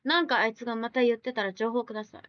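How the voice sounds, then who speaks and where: A woman's voice: a little high, steady tone, dry recording, dull audio. A woman live streamer chatting casually, reading viewer comments aloud and firing back blunt, teasing retorts. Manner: blunt, teasing retorts mixed with quick questions.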